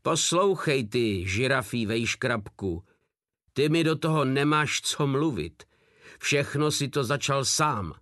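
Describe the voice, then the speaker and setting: A man's voice: medium pitch, expressive, a bit bright, no room sound, clean studio sound, natural voice. A man voicing a huge, crude soldier who mocks and threatens coldly, read as an audiobook. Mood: sneering. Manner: coldly mocking, foul-mouthed.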